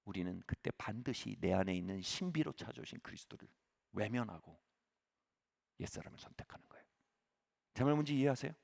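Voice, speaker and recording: A man's voice: on the low side, expressive, fast talker, vocal fry, darkish tone. A middle-aged man preaching a sermon as pastor, telling a story with sudden emphatic rises.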